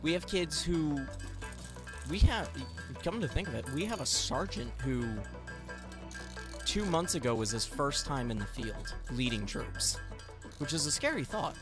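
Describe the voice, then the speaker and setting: A man chats casually on a podcast, spinning a story and acting out what each person said. Music plays clearly behind his voice. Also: fairly high pitch, measured pace. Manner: animated storyteller, acts out quotes. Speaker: podcast host.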